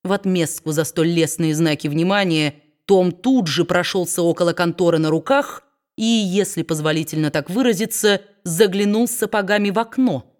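A woman narrating an audiobook of a classic novel with steady storytelling. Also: fairly low pitch. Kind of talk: scripted narration.

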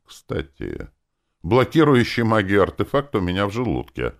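A man narrating a fantasy audiobook in the first person, with an expressive, crude and sardonic delivery. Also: on the low side, normal speed, vocal fry.

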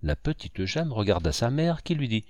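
Lively male storybook reader. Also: mid-range voice, normal speed, no echo. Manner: lively, expressive reading. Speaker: audiobook reader. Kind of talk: scripted storybook narration.

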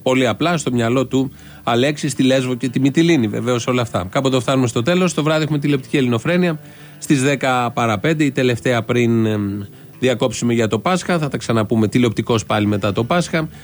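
A man co-hosting a satirical radio show with dry, ironic commentary. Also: medium pitch. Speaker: radio comedy co-host.

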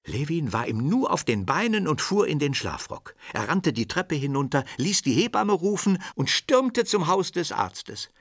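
A man narrating a radio drama in a measured, expressive storytelling manner. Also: a little high, no echo, studio quality. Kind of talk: scripted literary narration.

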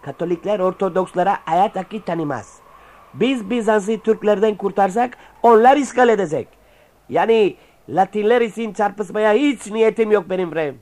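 An actor playing a grumbling, cynical old-world soldier in a radio play, talking in a colloquial way. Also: male voice, sits high, moderate pace, darkish tone, lightly acted. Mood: fed up. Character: grumbling, cynical Byzantine soldier who admires the enemy.

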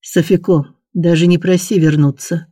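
A man playing a passionate young nobleman in an audiobook, who speaks in a slow, forceful way. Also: a little high, fairly even intonation, husky, dry recording, clean studio sound. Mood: domineering.

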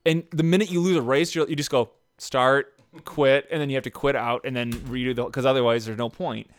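A man's voice: mid-range voice, steady tone, fast talker. A young man casually commenting on a racing game, rambling with lots of fillers, swearing and laughing often. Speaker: gameplay commentator. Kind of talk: casual gaming chat.

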